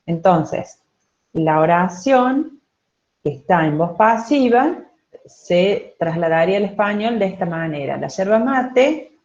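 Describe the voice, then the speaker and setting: A woman's voice: lowish voice, lively intonation, a little mellow, lo-fi sound. A Spanish-speaking woman teaching English in an online class, explaining patiently and checking in with her students. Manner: slow, patient, asks for checks with "¿sí?" and "¿ok?".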